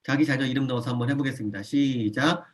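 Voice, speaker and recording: A man with a mid-range voice gives an animated parenting lecture in a church. He checks in with his listeners and repeats his key points so they stick. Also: medium pitch, quick pace. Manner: animated, often acts out a parent's lines in a soft voice. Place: church hall.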